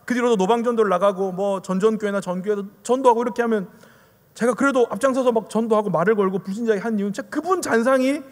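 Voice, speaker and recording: A male pastor preaching to a youth group, telling a story in an animated way with many rhetorical questions. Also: sits high, fast talker, in a large hall.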